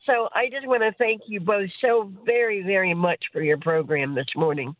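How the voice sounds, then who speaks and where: A woman's voice: mid-range voice, fairly even intonation, normal speed, dry recording. A woman calling in to a radio show, grateful and enthusiastic, a little hesitant in her words. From United States. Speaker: caller. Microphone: telephone. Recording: tinny phone line, dry.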